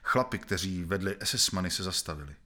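Male audiobook narrator, deep and forceful, measured and grave. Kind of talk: audiobook reading of a novel.

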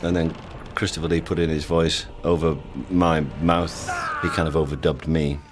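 A man's voice: a bass voice, level tone, moderate pace, a little hiss or hum. A man actor giving film commentary, telling candid anecdotes about the shoot.

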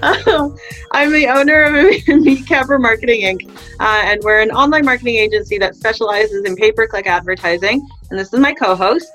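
A woman's voice: fairly high pitch, a little fast, fairly bright tone, soft background music. A woman hosting a podcast in a casual, amused manner, often teasing and laughing. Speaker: podcast host.

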